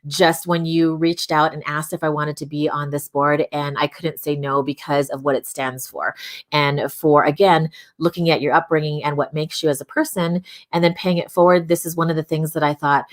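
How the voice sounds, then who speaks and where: A middle-aged woman from Hawaii speaks over a video call with a slightly low voice. She answers questions thoughtfully, often pausing with fillers and restarting her sentences. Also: steady tone. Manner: reflective, many fillers and restarts. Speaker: guest, audiologist. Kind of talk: casual interview conversation.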